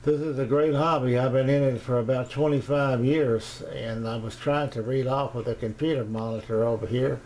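In a small indoor home radio room, an amateur radio hobbyist, middle-aged or older, gives an unscripted, casual review of his equipment. His mid-range voice is darkish with fairly even intonation, and he rambles haltingly with long pauses, recorded noisily on a home camera.

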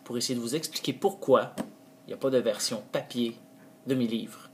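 A man with a Québécois accent recording a video tutorial, stumbling over drawn-out fillers and restarting his introduction again and again with exasperated, self-mocking humor. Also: medium pitch, a little hiss or hum. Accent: Québécois French. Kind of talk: casual self-mocking blooper takes.

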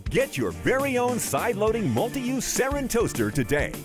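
A man's voice: high voice, wildly swooping pitch, moderate pace. A man reading a scripted product advert in a sing-song selling delivery. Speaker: advert voice-over. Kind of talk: scripted ad voice-over. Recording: voice-over with loud music bed.

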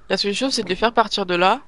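Excitable gamer thinking aloud. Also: medium pitch, slight background noise. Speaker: let's play gamer. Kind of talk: live gameplay commentary.

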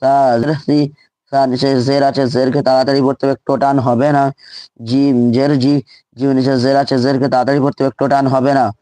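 A man's voice: mid-range voice, level tone, quick pace, dark tone, dry recording. A man teaching Quran reading in a live online lesson, drilling letters and syllables aloud and repeating each one patiently.

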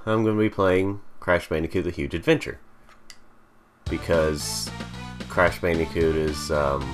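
A man's voice: deep voice, fairly bright tone. A man hosting a casual let's play in a hesitant, rambling, self-deprecating way, sounding slightly distant from the microphone. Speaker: host of a gaming video series. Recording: slightly far from mic, music behind. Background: video game music.

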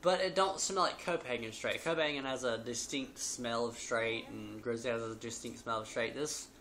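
A man's voice: mid-range voice, normal speed, pushed and bright. A man in his twenties hosting a casual review video from his living room. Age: 20s. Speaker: video host. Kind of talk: casual product review chat. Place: living room at home, indoors. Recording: noisy home webcam recording.

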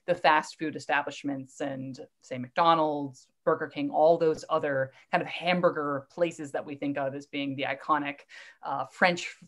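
A woman's voice: low voice, fairly even intonation, a little slow. A middle-aged woman lecturer answering questions in a live online talk, eager and digressive, often restarting her sentences. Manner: enthusiastic, digressive, with fillers and restarts.

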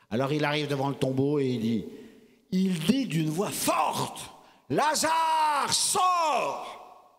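Older man preaching in a big church. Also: medium pitch. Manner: animated, swings from soft asides to loud calls. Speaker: cardinal preaching. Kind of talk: sermon. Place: large church. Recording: long church reverb.

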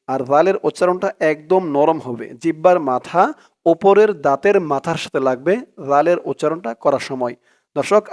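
A man with a fairly high voice teaches Quran reading, reciting verses slowly and melodically before explaining the pronunciation rules in a quick, quiet manner.

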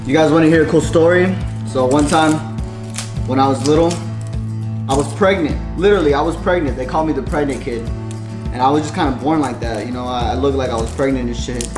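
A man's voice: mid-range voice, fairly quick. A young man cooking in a home kitchen, chatting in a rambling, slangy and profane joking style. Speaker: cooking vlogger. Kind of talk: casual joking cooking vlog. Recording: echoey kitchen with music.

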